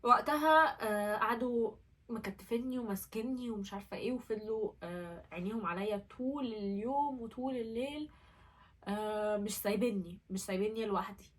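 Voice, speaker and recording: Young woman, Egyptian Arabic accent, husky, rapid speech, earnest and emotional, personal vlog, distant mic. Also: mid-range voice. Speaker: vlogger.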